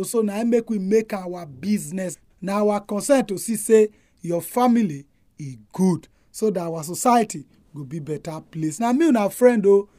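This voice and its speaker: A man's voice: high-pitched, dark tone, no room sound, studio quality. A man with a Nigerian accent preaches as a pastor on a radio programme, speaking in Nigerian Pidgin. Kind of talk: family-life sermon.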